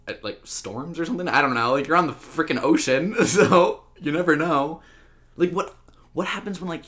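A man's voice: medium pitch, fairly bright tone. A man co-hosting a podcast in casual chat, goofy and joking. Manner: goofy, joking, quick to laugh. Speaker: podcast co-host.

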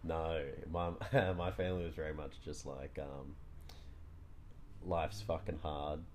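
A man's voice: a bass voice, level tone, a little slow, a little mellow, slight background noise. A man in his early thirties talking casually as a podcast guest and laughing as he speaks. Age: 30s. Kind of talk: casual chat.

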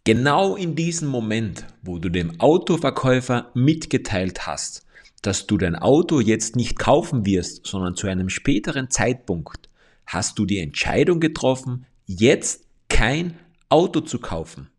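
A man giving a motivational coaching talk, speaking directly to the listener in a calm, explanatory way. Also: medium pitch, a little slow.

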